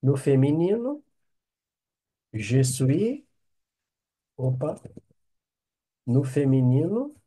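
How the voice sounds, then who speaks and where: A man's voice: medium pitch, big pitch swings, extremely slow, pauses often, mellow. A Brazilian man with a Brazilian Portuguese accent teaching an online French lesson, patiently drilling phrases and checking with "ok?".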